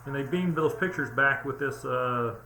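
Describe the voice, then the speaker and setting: Bright-voiced man, halting mock-earnest host. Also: mid-range voice, echoey room, slight background noise. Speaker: channel host. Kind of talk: tongue-in-cheek conspiracy presentation.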